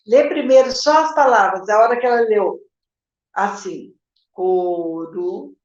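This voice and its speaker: Answering viewer questions live, a literacy teacher with a Brazilian Portuguese accent speaks animatedly at normal speed in a slightly high voice. She breaks down explanations step by step and keeps checking in, speaking directly to viewers with "gente" and "tá?". Reverberant, dull audio.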